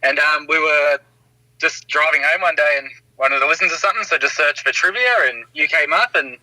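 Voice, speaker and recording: Aussie guy in his 20s on a podcast call, super bright voice, easygoing short answers. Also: on the high side, brisk, no echo, rough recording. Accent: Australian. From Australia. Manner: laid-back, short easygoing replies. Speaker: podcast guest. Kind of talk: casual call-in chat.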